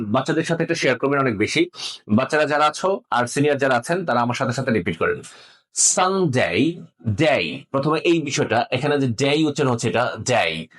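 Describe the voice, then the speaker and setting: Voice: medium pitch, lively intonation, quick pace. A teacher running a pronunciation drill, stretching out each word and repeating it for listeners to echo, with instructive asides to children and older learners.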